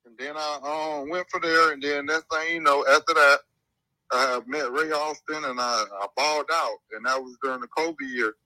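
A man's voice: fairly high pitch, steady tone, moderate pace, sharp tone, no room sound. A young man talking over a phone on speakerphone, held up to the mic, as a guest football player casually telling his career story and stringing events together. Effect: phone call played over speakerphone held to the mic. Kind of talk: casual rambling life story.

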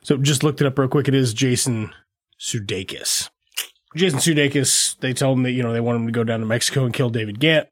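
A man in casual chat recapping a film scene by scene, laughing often and slipping into quick character voices. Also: medium pitch.

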